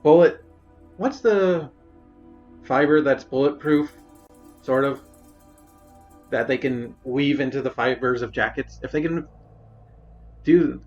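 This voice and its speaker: A man's voice: mid-range voice, slow, long pauses, a little mellow. A man commentates on a video game in a casual, jokey ramble. He halts and searches for words as he goes. The microphone sounds slightly dull and lo-fi, with music playing behind him. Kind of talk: casual, off-the-cuff gameplay commentary.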